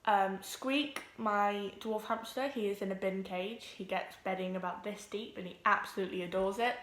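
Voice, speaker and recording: A teenage girl talks to her camera at home. She sounds nervous, rushes along and fills gaps with ums. Her voice sits in a middle pitch, and the room around her is echoey. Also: fairly even intonation, a bit bright. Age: teens. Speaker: vlogger. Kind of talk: casual vlog introduction.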